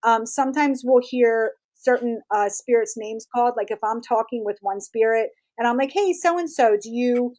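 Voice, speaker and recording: A woman in her forties tells stories as an interview guest in a somewhat high voice. She talks in a lively, laughing way and acts out other people's lines as she goes. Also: normal speed, few pauses. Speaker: guest, tattoo artist and shop owner. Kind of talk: casual storytelling interview.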